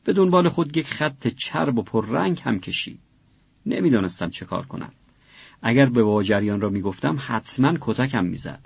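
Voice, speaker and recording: Gravelly, husky male narrator. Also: medium pitch, animated, no echo, highs cut off. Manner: slow, measured, deliberate reading. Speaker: audiobook narrator. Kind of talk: scripted narration of a novel.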